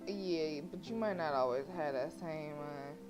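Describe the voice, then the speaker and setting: Speaking low and unhurried, a sassy, outspoken woman streams a game, reacting in casual slang and reading a visual novel aloud. Plucked guitar game music plays under her voice.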